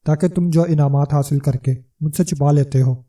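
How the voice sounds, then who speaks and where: A man's voice: on the high side, steady tone, warm tone, recorded from a distance, natural voice. A man voicing a huge, domineering wife who snarls and bosses her husband, in a storybook reading. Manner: bossy and snarling.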